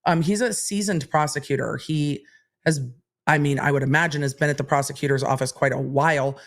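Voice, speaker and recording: Speaking fairly quickly in a low-pitched voice, a woman runs a legal commentary livestream. She chats openly, voices viewer questions, and explains her answers in an even way.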